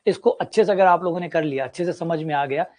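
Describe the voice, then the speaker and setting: A man gives a maths lecture, his voice sitting a little higher than most men's. He explains step by step with everyday examples and says key points twice. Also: quick pace, a little mellow. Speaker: maths teacher. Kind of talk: classroom lecture.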